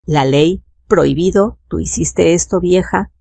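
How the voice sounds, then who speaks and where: A narrator voicing a manipulative young daughter-in-law who pleads and speaks frantically. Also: female voice, on the low side, unhurried, gravelly, mellow, husky, dry recording, voice pushed up, exaggerated voice. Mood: desperate.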